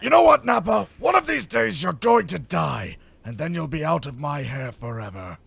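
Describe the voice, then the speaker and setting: A man's voice: on the high side, big pitch swings, normal speed, gravelly, fairly bright tone, breathy edge, heavily acted. A man voicing a haughty, arrogant alien prince warrior in a parody cartoon dub, snappish and scolding. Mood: scornful. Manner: snappish, scolding, given to angry outbursts.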